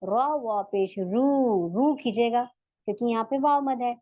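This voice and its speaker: Female recitation teacher, slow and patient, drawing out syllables; dull, dry close recording. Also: fairly high pitch, no room sound. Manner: patient, drawn-out demonstration of sounds. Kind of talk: online tajweed lesson.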